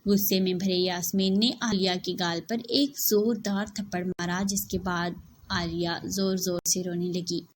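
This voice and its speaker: A woman giving scripted narration of a cartoon story in a clear, steady voice. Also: medium pitch, slight background noise.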